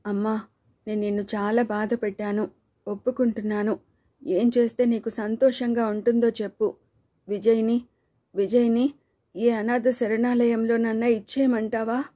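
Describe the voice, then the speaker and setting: A woman voicing a caring young daughter who pleads softly and affectionately with her mother. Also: on the high side, flat delivery, moderate pace, natural voice. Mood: pleading.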